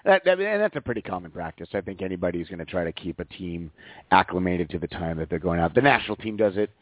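A man's voice: low-pitched, lively intonation, quick pace, dry recording. A man in his forties, a radio co-host, chatting casually and joking about his college years. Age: 40s. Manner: joking, laughs easily. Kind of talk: casual sports talk. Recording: dry phone-line sound.

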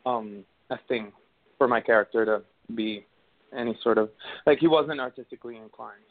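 A Venezuelan actor in his thirties, with a Venezuelan Spanish accent, answers interview questions as a guest over a tinny phone line. He speaks at a moderate pace in a mid-range voice, hesitating often with many fillers and restarts.

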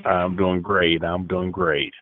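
A man's voice: low voice, flat delivery, dry recording. Man on a tinny landline phone. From Alabama, US South. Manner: halting, repeats words as he searches. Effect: heard over a landline phone. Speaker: caller. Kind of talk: sports radio call-in chat. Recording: tinny dry phone line.

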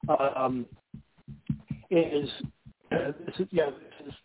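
A man speaking candidly on a conference call line that keeps cutting out, halting and restarting his words. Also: fairly high pitch, a crowd in the background. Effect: conference call line that keeps breaking up. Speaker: guest. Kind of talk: candid personal talk. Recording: tinny phone line.

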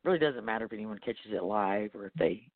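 A man's voice: fairly low pitch, expressive, brisk, no room sound. A man hosting a podcast in casual, rambling chat, informal and often checking in with the listener. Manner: informal, often tags sentences with "you know". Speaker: podcast host. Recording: thin phone-like sound from makeshift setup.

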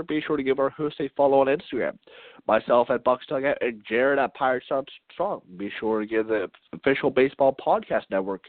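A man's voice: medium pitch, no echo. A man hosting a baseball podcast in a casual, rambling way, a little congested and stumbling over his words. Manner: rambling, repeats words, chuckles. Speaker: podcast host. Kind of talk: casual solo podcast sign-off. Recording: dry, tinny phone-like sound.

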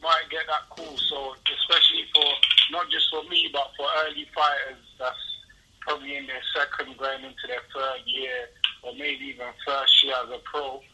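A man's voice: fairly high pitch, moderate pace, gravelly, sharp tone, a little hiss or hum, rough recording. A young man calling in over the phone, a boxer chatting casually and repeating his phrases.

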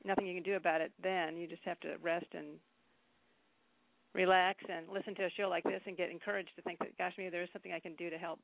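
A woman in her fifties calling in to a talk show, rambling with halting restarts. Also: on the low side, little pitch movement, gravelly, no room sound. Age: 50s. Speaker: caller. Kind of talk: casual phone chat. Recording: dry phone line.

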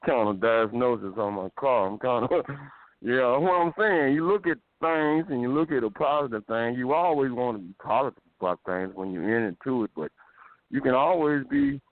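A man's voice: medium pitch, expressive, moderate pace, no room sound. A man calling in to a radio show over a bad phone connection with interference, chatting casually from a car repair shop and repeating "you know what I'm saying". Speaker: caller. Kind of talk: casual radio call-in chat. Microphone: telephone. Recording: tinny phone line.

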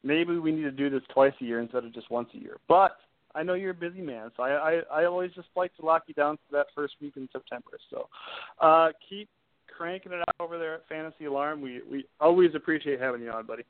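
A male sports talk host with a slightly high voice chats loosely and casually. The sound is dry and narrow, like a phone connection. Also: quick pace, no echo. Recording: tinny, phone-like internet radio.

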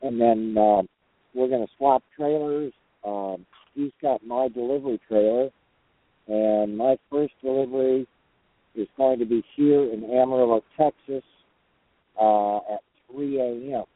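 A man's voice: mid-range voice, measured pace, no room sound. A man hosting a casual truckers' call-in show from a parked truck cab, talking in a folksy, rambling, hesitant way. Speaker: host of a truckers' talk show. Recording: narrow, tinny phone or radio line.

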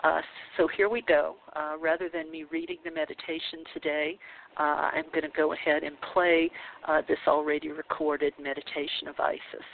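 A man hosting informally, introducing a recording in a halting, hesitant manner. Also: on the high side, level tone, gravelly. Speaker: host introducing a recorded meditation. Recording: tinny phone-like line, faint noise.

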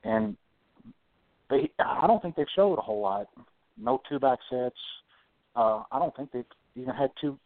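Male call-in caller heard over the phone, a mid-pitched man from South Carolina who meanders and hedges. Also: expressive, moderate pace, pauses often, no room sound. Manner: meandering, hedging, clears throat often. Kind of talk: casual call-in chat. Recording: tinny phone line, dry.

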